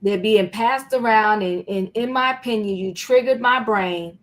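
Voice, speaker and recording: A woman hosts a casual panel chat in a mid-pitched voice. She takes her time, speaking slowly and leaving space between short phrases. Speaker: host.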